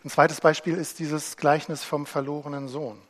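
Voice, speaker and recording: Guy preaching, husky kinda highish voice, gets loud then goes quiet when telling the bible stories. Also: level tone, moderate pace. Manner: dramatic swings from hushed to loud when retelling scripture. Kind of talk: sermon.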